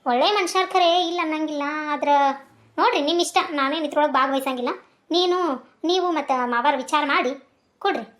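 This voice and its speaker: A woman voicing a tired, scolding middle-aged village mother in a cartoon, with a North Karnataka Kannada accent. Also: fairly bright tone. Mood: calm. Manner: high, quick, nagging. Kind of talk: cartoon dubbing.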